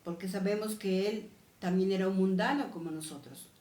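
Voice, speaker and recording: A woman's voice: mid-range voice, normal speed, warm tone, roomy sound. A woman preaching a sermon, repeating her key phrases with emphasis. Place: church.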